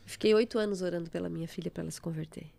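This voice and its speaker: Fervent middle-aged woman, gravelly. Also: on the low side, very fast, a little hiss or hum. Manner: fervent, expressive, exclaiming. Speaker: guest. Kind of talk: emotional faith testimony.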